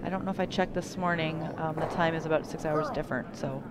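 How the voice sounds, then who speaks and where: A woman's voice: deep voice, fairly even intonation, fast, crowd noise. A woman with a slight Canadian accent doing live curling commentary, explaining the play with many ums. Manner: chatty, explains shots with frequent ums. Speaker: color commentator. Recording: loud background noise at the venue.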